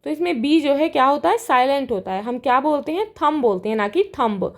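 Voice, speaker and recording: A woman teacher who works through a worksheet. She reads the English lines slowly and then explains them in Hindi. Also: high voice, vocal fry.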